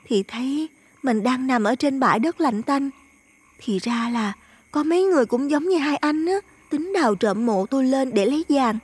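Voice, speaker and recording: A man voicing a gentle, playful young village girl in an audio ghost story, speaking softly and chattily. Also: very high-pitched, breathy edge, pitched above the performer's own voice.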